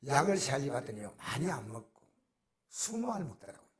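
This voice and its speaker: A middle-aged male pastor, preaching a sermon that swings from hushed near-whispers to loud exclamations. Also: mid-range voice, big pitch swings, fairly quick, crowd noise.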